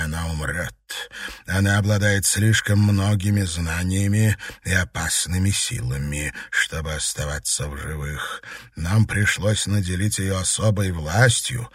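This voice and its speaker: A man doing a low, menacing demon lord. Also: husky, no room sound, studio quality, full character voice. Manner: slow, hard, quiet menace. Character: cold ruthless demon lord possessing a youth.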